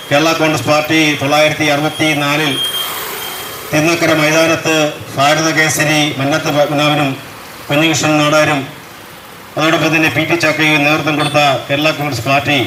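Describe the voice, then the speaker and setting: A man with a Kerala accent giving a formal political speech as a local party leader. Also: a little high. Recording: echoey outdoor setting with traffic noise.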